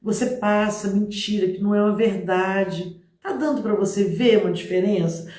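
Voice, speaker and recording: A middle-aged woman with a Brazilian Portuguese accent, a missionary giving a lively church talk, acting out examples and speaking straight to her listeners. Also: mid-range voice, normal speed. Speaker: missionary preacher. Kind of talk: motivational church talk to a congregation. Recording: roomy, echoing recording.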